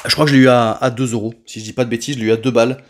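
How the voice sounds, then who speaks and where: Rapid-fire and steady in tone, this man's medium-pitched voice carries over slight background noise as he presents recently bought retro games on his channel. As a collector and host, he talks loosely and chattily, with lots of fillers and self-corrections.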